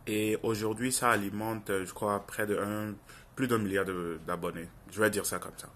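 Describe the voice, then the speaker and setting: This online video commentator, a young man with a Francophone African accent, shares his opinions informally with viewers, earnestly insisting and repeating phrases for emphasis. His voice is lowish with fairly even intonation and a fairly bright tone at normal speed. A little hiss or hum is audible.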